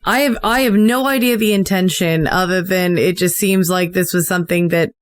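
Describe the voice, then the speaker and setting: A woman's voice: on the low side, normal speed. A woman playing a tabletop game, thinking aloud in a hedging, casual way. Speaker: player.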